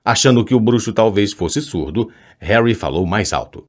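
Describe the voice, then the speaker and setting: A man reading a chapter of a novel aloud as narrator, with expressive storytelling delivery. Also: lowish voice, moderate pace. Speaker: audiobook narrator. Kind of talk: scripted narration.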